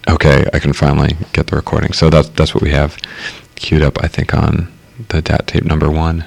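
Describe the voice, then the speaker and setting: A man's voice: extremely low pitch, little pitch movement, fairly quick, gravelly, slightly rough. A man chatting casually as a radio guest, rambling with lots of fillers and restarts. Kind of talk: casual conversation.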